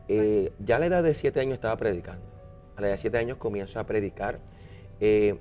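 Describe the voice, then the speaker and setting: A young Puerto Rican man, a minister, telling his life story in an interview, earnest and halting with many restarts. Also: mid-range voice, a little mellow. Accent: Puerto Rican Spanish. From Puerto Rico. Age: young adult. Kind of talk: personal testimony interview.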